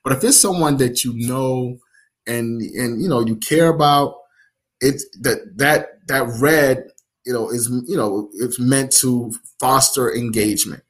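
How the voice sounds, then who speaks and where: A man's voice: medium pitch, fairly bright tone. A man from Nigeria, an app founder, talking casually in an interview with lots of fillers and restarts. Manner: many fillers, halting restarts.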